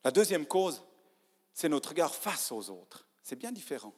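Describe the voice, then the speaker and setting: A man preaching a sermon in a church, animated, acting out people's inner voices and swinging from hushed to loud. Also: a little high, measured pace, breathy edge. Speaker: pastor. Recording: church hall reverb.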